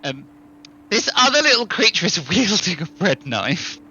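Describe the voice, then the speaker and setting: A man's voice: sits high, sing-song, unhurried, pushed and bright, dull audio, a little hiss or hum. A man casually narrating and refereeing a tabletop game, often thinking aloud. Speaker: game master.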